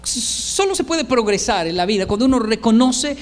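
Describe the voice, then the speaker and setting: A man delivers a comic storytelling monologue and acts out every voice in it. His voice is high and carries a long hall reverb. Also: moderate pace. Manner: animated, acts out dialogue.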